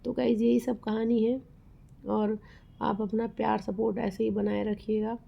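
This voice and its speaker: A woman speaks straight to her viewers in a low-key, heartfelt vlog, her words loose and rambling. Her voice has a gravelly, husky grain and stays flat in pitch. The recording sounds dull and lo-fi. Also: a little slow. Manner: earnest, rambling, addresses viewers as guys. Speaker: vlogger. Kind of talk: casual heartfelt vlog talk.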